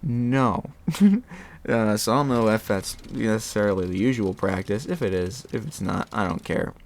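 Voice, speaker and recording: A man chatting casually and telling a personal story in a rambling, animated way, often interrupting himself and re-enacting bits of dialogue. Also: lowish voice, moderate pace, a little hiss or hum. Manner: often laughs while talking. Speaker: storyteller recounting own experience.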